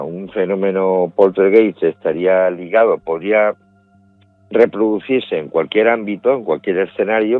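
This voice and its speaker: A middle-aged man with a Spanish accent speaks in a low voice, laying out his ideas step by step and often restarting his phrases. He is heard through a dry, phone-like remote line with faint music underneath. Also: no room sound. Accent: Spanish from Spain. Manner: measured, explains step by step with restarts. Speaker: paranormal investigator guest. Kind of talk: interview answers, explanatory.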